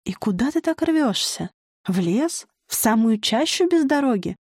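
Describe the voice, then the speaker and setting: A woman's voice: a little high, big pitch swings, unhurried, darkish tone, no room sound, clean studio sound, heavily acted. Woman voicing a growling wolfish forest spirit. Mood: mocking. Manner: growling, rough demands. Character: snarling wolfish male forest spirit, cruel.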